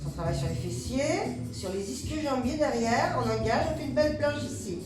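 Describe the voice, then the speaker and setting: A woman teaching a pilates class, calmly cueing breath and movement and repeating words slowly. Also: high-pitched, recorded from a distance. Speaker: pilates instructor. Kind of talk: guided exercise class instruction. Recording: echoey room, voice from afar, music behind. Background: background music.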